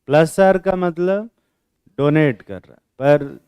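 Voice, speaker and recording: Male teacher, mid-high mellow voice, blunt and teasing, keeps grilling the class, dry close sound. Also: slow pace, no room sound. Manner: blunt, teasing, quizzes students with rough slang. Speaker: chemistry teacher. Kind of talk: classroom lecture with questioning. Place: classroom with students.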